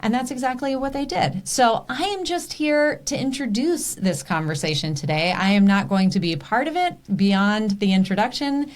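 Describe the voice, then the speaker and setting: A woman's voice: a little high, expressive, moderate pace, few pauses. A woman hosting a podcast, giving a chatty, enthusiastic intro. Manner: bubbly, enthusiastic. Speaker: podcast host.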